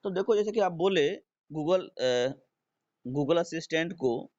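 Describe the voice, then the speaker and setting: A man's voice: on the high side, expressive, takes it slowly, darkish tone. A man teaching a live online class, who keeps asking his students if they follow and repeats his own questions. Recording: dull lo-fi stream audio.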